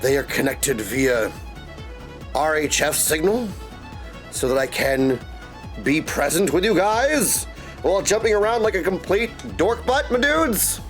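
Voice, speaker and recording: On the high side and animated, a man speaks at a measured pace over soft background music while chatting casually with viewers as a game streamer. He's goofy, theatrical and playful, invents silly words, and repeatedly calls listeners "my dudes" and "my friends." He's indoors at a desk in his streaming setup, wearing a headset with a streamer mic.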